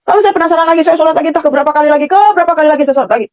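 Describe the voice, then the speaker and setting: A middle-aged woman tells her personal testimony at a rapid, earnest pace, often repeating phrases. Her voice sits fairly high but sounds mellow. The recording is dry and somewhat dull. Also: dry recording. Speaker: testimony speaker.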